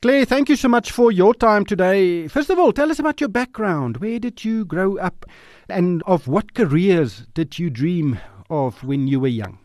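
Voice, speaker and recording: A South African man hosting a podcast, asking questions in a lively way with a voice that rises and falls a lot. He is a little higher-pitched than most men. The sound is dry and close, with almost no room echo. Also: moderate pace. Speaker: podcast host. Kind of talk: interviewing a guest.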